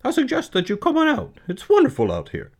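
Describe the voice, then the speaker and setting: Excitable stuttering goose hen, put on by a male reader, high and quick. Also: heavily acted. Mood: excited urging. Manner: repeats words, rapid and excitable. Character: chattering fast-talking female goose.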